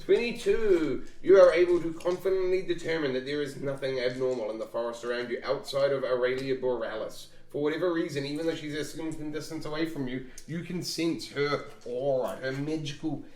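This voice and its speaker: A man serving as dungeon master, narrating scenes and calling for dice rolls in a relaxed, descriptive way. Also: on the high side, fairly quick, few pauses, roomy sound, distant mic, rough recording. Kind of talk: running a tabletop game over a call.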